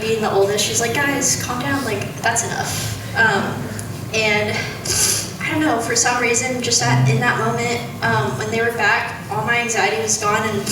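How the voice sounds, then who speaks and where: A young American woman giving an informal, halting, giggly wedding toast as maid of honor. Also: on the high side. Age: young adult. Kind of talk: wedding toast, personal speech. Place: large reverberant room at a wedding gathering. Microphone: distant from the recorder. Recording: echoey room from far off, clearly noisy.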